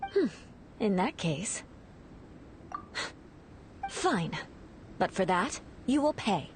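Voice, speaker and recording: A woman's voice: mid-range voice, very animated, very slow, a little hiss or hum. A woman playing a proud, reserved young noblewoman knight in a video game, speaking in a composed, formal way. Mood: haughty, stern. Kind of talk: English video game voice acting.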